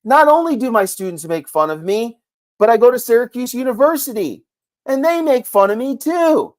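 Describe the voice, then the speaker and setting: A middle-aged man hosting a sports podcast, talking in an excitable, rambling way with big swings in pitch and loudness. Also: moderate pace. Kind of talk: casual sports commentary.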